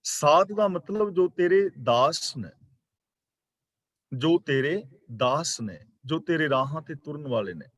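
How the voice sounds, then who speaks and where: A man teaching a daily scripture class online, explaining the meaning of each word, correcting pronunciation and reciting verses slowly. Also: fairly high pitch, animated, dry recording, lo-fi sound. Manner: slow, deliberate recitation of verses. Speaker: religious teacher. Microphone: online class microphone.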